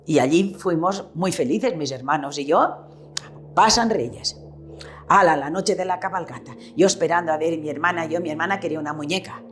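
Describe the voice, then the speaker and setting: A woman's voice: low-pitched, moderate pace, a little hiss or hum. A woman in her seventies with a Valencian-tinged Spanish accent, reminiscing in an interview about her family's shop and acting out the dialogue she remembers. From Petrer, eastern Spain. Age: 70s. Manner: animated storyteller who acts out remembered dialogue. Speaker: retired shopkeeper.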